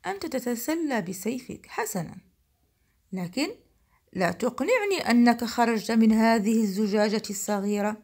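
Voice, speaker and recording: A woman's voice: a little high, expressive, normal speed, darkish tone. A woman voicing a clever, sarcastic male fisherman who mocks a genie in a storybook reading. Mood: mocking. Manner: sarcastic, teasing.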